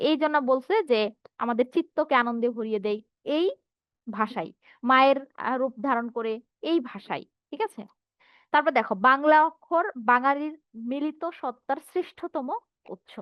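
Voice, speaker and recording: A woman's voice: a little high, dry recording, lo-fi sound. A woman teacher giving an online class, reading out her students' answers and asking rhetorical questions, speaking with a Bangladeshi Bengali accent.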